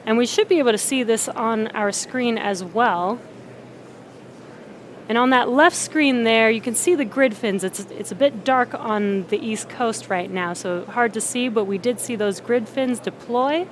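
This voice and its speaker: A woman hosts a live launch broadcast with explanatory commentary. Her voice sits a little high. Faint noise runs underneath. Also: unhurried. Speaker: launch webcast host.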